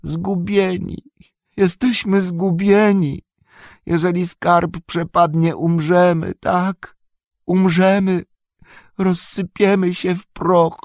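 A man's voice: high-pitched, little pitch movement, slow pace, gravelly, darkish tone, no room sound, studio quality, voice pushed up, heavily acted. A man voicing a wretched, groveling male creature in an audiobook who whimpers and hisses. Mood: pleading. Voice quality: sniveling, hissing.

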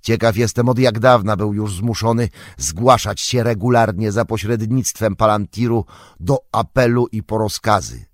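A man's voice: on the low side, no room sound, studio quality, lightly acted. Gandalf, a man doing a grave old wizard. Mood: musing. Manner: measured, grave lecturing. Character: old male wizard, wise, stern and patient. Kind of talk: audiobook character reading.

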